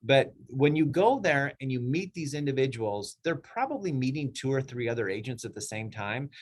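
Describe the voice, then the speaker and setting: Animated middle-aged man coaching his team. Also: mid-range voice, normal speed. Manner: animated, rambling, acts out clients in raised voices. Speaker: real estate team leader coaching agents. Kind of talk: casual coaching talk.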